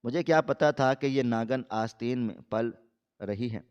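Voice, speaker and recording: A man's voice: medium pitch, a little mellow, smooth, in a large hall, dull audio, natural voice. A man reading as a scolding older mother-in-law.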